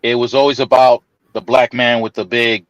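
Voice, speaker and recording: A man telling a long family story in casual chat, laughing often, stammering over restarts and jumping into high voices to mimic people. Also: flat delivery, moderate pace, dry recording, poor audio.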